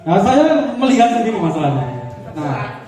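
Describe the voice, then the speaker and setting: A man's voice: high-pitched, big pitch swings, moderate pace, warm tone. A man giving a chatty presentation to fellow teachers, full of fillers and acted-out classroom examples. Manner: chatty, frequent fillers, acts out teacher voices. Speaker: teacher leading a training session. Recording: echoey room, mic far off, faint music.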